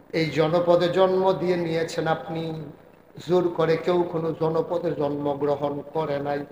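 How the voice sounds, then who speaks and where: A man preaching a waz sermon to a gathering, swinging from loud, crying appeals down to low storytelling. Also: roomy sound, big-room sound, a little hiss or hum.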